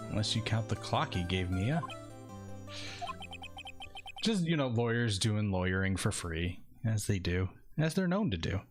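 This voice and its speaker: A man chatting loosely over a video game, his talk rambling and peppered with fillers in a lively, animated voice. Game music plays behind him. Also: fairly low pitch, unhurried, pauses often. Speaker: let's-play streamer. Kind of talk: casual gameplay commentary.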